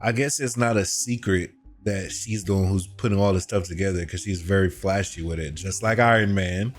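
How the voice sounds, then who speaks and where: A man's voice: low-pitched, normal speed, faint music behind. A man hosting a reaction video, commenting in a casual, conversational way with plenty of slang.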